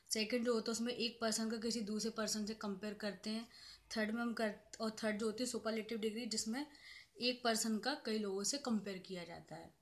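A woman professor giving a grammar lecture, explaining step by step and repeating each example slowly, with English terms mixed into her explanation. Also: fairly high pitch.

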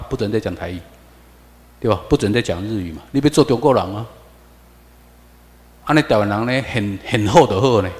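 A man with a Taiwanese Mandarin accent giving a classroom lecture, firing rhetorical questions at the class and slipping into Taiwanese. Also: fairly low pitch. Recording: long hall reverb.

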